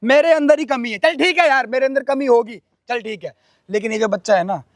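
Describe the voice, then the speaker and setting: A man's voice: very high voice, a little fast, slight background noise. A young man playing a husband who taunts his wife with sarcastic remarks. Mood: bitter. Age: young adult.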